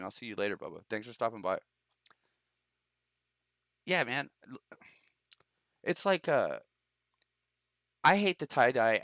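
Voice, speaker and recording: Young male streamer, crisp bright voice, loose and profane, laughs often, dry close mic. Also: fairly low pitch, no echo. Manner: loose, profane, laughs a lot, bro talk. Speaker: streamer hosting a game show. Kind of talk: casual gaming stream chat.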